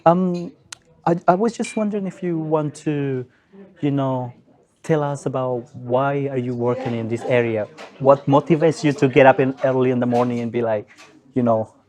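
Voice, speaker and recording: A man's voice: mid-range voice, moderate pace, warm tone. A man hosting an interview, asking questions casually with frequent fillers. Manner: casual, with fillers like "you know" and "um". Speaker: interviewer, host. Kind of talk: conversational interview.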